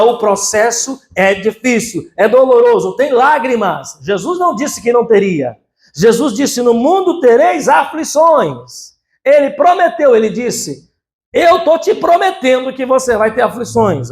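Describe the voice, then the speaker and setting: A man preaching a sermon at a church service, calling out "amen?" to the congregation and swinging between loud exclamations and quiet asides. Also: extremely high pitch. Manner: emphatic preaching with call-and-response "amém?". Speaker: pastor.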